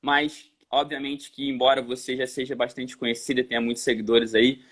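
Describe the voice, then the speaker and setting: A man's voice: mid-range voice, level tone, a little fast, a bit bright. A man with a Brazilian Portuguese accent hosting a casual live-stream chat, upbeat and enthusiastic. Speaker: host.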